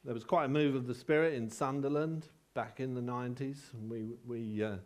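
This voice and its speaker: Speaking at a medium pitch, the man preaches casually, as if in conversation, stopping often to tell stories from his own life with humour at his own expense.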